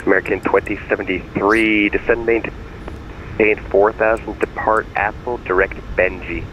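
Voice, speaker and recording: A man working as an air traffic controller, giving clearances in procedural radio phraseology. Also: lowish voice, steady tone, unhurried, a bit bright. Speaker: air traffic controller in online flight simulation. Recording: muffled radio voice, faint aircraft noise.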